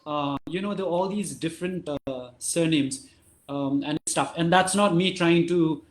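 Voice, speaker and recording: A man's voice: fairly high pitch, measured pace, echoey room. A man speaking as a film director guest in a casual interview, earnest and reassuring, laughing easily.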